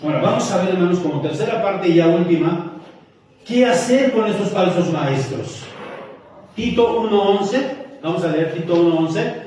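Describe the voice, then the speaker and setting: High-voiced pastor preaching in an echoey hall. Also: male voice, animated, moderate pace, darkish tone, distant mic, a little hiss or hum. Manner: storytelling, joking with the congregation. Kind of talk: sermon. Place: church hall.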